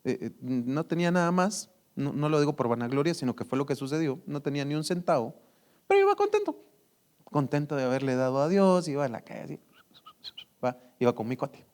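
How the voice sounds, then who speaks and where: A man's voice: on the high side, fairly quick. A man with a Guatemalan Spanish accent preaching a sermon as a church elder, telling stories with acted dialogue and tagging sentences with "¿va?". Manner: animated storytelling with acted dialogue, frequent "¿va?" tags.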